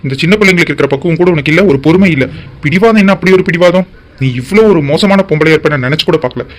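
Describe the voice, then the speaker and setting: A man voicing a rapid-fire scolding cartoon father. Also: fairly high pitch, fairly bright tone. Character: stern middle-aged father, fed up with his scheming wife. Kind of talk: Tamil cartoon drama voice acting.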